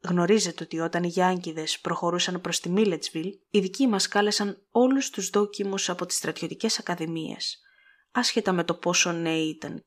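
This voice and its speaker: Woman reading as a fussy earnest middle-aged guy, explains stuff, bit reproachful, husky low voice.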